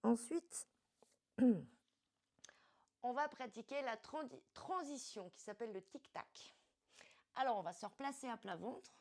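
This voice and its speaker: A woman fitness coach guiding a workout step by step, calmly cueing each movement and breath. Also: fairly high pitch, a little slow, long pauses. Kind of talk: guided workout instruction.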